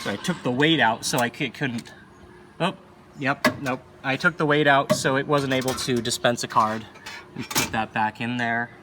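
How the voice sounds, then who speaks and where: Over a rough recording, a man with a mid-range voice, a hobbyist arcade machine video maker, gives casual, unscripted hands-on commentary. He is offhand and often mutters to himself as he handles equipment.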